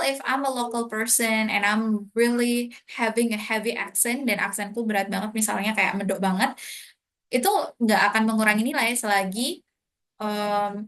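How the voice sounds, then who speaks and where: A woman's voice: medium pitch, a bit bright. A woman with an Indonesian accent teaching an online lesson as an English tutor, explaining in a mix of Indonesian and English.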